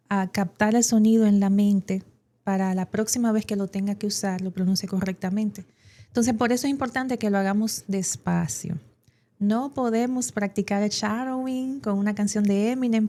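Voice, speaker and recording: A woman with a Dominican Spanish accent explains English pronunciation on a podcast. Her voice sits at a middle pitch, and she pauses on fillers while she works through examples. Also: mellow. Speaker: English teacher.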